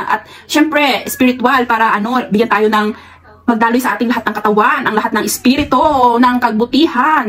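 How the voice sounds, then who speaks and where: A woman with a Filipino accent, a worker abroad who chats casually to her viewers, laughing often and giving encouraging advice. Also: on the high side. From Philippines. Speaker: vlogger. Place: employer's home abroad.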